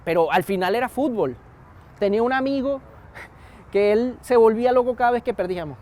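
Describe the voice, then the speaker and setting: A man's voice: very high voice, a little fast, warm tone. A young man with a Venezuelan accent preaching a sermon in a conversational way, often asking his congregation questions.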